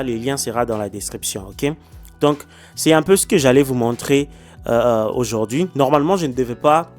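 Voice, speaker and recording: Un homme qui explique la monétisation des réseaux sociaux dans un tutoriel vidéo décontracté, avec beaucoup d'hésitations et de « ok ? » adressés au public. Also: male voice, medium pitch, darkish tone. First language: not English, stumbles on English words. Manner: hesitant, many fillers and restarts; addresses viewers directly, repeating "ok?". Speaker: YouTuber explaining social media monetization. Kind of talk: casual tutorial vlog with screen demo. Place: indoors, lives in China.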